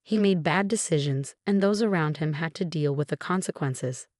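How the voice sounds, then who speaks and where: A woman reading a family drama story aloud in an even, measured way. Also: deep voice, no echo, clean studio sound. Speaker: story narrator. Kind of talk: scripted narration.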